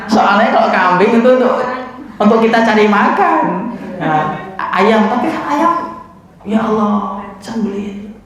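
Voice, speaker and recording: A woman preaching a sermon to a women's study group in a lively, colloquial way, full of rhetorical questions. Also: mid-range voice, measured pace. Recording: very echoey, dull lo-fi hall recording.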